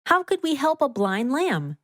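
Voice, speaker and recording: A woman narrating a scripted children's story in an expressive read-aloud manner. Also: high-pitched, unhurried, no echo, studio quality.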